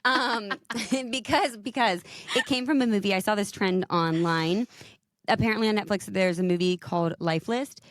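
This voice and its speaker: A woman's voice: mid-range voice, normal speed, dry recording, studio quality. A young woman co-hosting a podcast, rambling and self-deprecating in casual chat. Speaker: podcast co-host.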